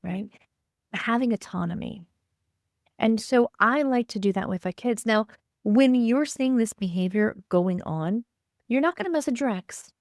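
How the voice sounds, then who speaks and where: A woman's voice: a little high, animated, a little slow, dry recording, clean studio sound. A woman guest on a podcast, a co-parenting coach who talks emphatically and keeps checking in with tag questions. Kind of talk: podcast interview, casual chat.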